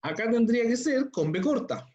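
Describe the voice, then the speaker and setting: A man's voice: extremely high pitch, lively intonation, normal speed, a little mellow. Man teaching an online class. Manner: patient step-by-step explaining, checks in with "¿ya?". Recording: dull lo-fi computer audio.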